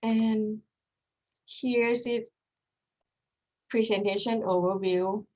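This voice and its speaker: Her voice is fairly high, steady, and a little mellow. She is a young Thai woman with a Thai accent, Thai being her native language, presenting earnest academic work as a graduate student on a video call with measured, slightly halting delivery.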